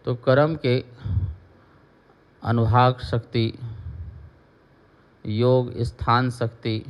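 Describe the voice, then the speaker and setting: Slow, deliberate Jain monk teaching. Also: male voice, medium pitch, dull audio. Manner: slow, deliberate, repeats terms and asks listeners questions. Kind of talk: scripture lesson, slow chanting of verses then explaining.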